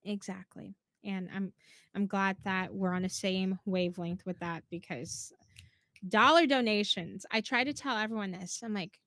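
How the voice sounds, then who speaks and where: An upbeat woman hosts a relaxed interview, eager and quick to laugh. Her voice sits at a middle pitch and sounds dry and close, with no room around it. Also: no echo. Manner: upbeat, enthusiastic, laughs often. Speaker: interview host. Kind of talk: casual interview chat.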